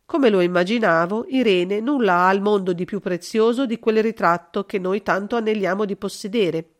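A woman's voice: mid-range voice, moderate pace. Woman reading a story aloud. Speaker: audiobook reader. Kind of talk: scripted narration.

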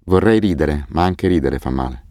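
A man reading a first-person novel aloud as an audiobook narrator, in a grave, measured way. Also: rumbling low, a little mellow, dry recording, clean studio sound. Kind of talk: scripted narration.

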